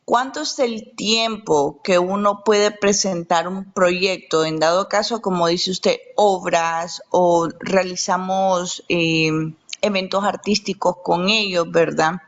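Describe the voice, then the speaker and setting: A woman's voice: on the low side, steady tone, slow pace, muffled recording. A woman from Honduras, asking a question on a video call and politely tagging her sentences with questions. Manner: polite, keeps adding ¿verdad?.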